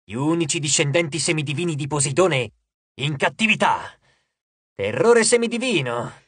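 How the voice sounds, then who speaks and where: A man's voice: lively intonation, normal speed, fairly bright tone, husky, no room sound. A man voicing a mocking, grotesque male sea god who taunts his captives in an audiobook. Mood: gloating. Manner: taunting, theatrical, booming.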